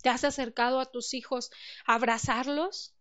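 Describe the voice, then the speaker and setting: A woman's voice: high-pitched, steady tone, moderate pace, fairly bright tone. A woman with a Mexican accent giving an earnest motivational talk, asking the listener direct questions. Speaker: speaker on emotional wellbeing.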